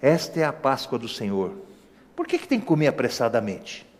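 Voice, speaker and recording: A man's voice: medium pitch, huge pitch swings, normal speed. A man with a Brazilian Portuguese accent preaching a sermon as pastor, emphatic, throwing rhetorical questions and asides to the congregation. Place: church. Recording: echoey church hall reverb.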